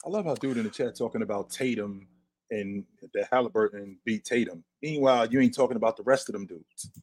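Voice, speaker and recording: A man's voice: fairly low pitch, a little fast, a little mellow. An American man on a sports talk panel, arguing his opinions emphatically and repeating his points.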